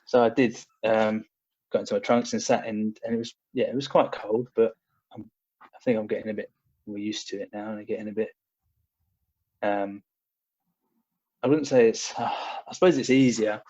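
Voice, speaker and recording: With long pauses, a steady tone and a moderate pace, a young man speaks in a fairly low, darkish voice. He's a personal trainer appearing on a podcast, telling casual stories hesitantly with fillers and restarts, in dull lo-fi audio.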